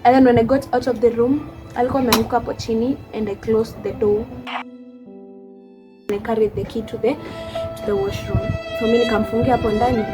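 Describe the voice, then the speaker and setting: A woman's voice: fairly high pitch, fairly even intonation, brisk, over music. A young woman with a Kenyan accent telling a personal story on her vlog, emotional and switching into Swahili. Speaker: vlogger.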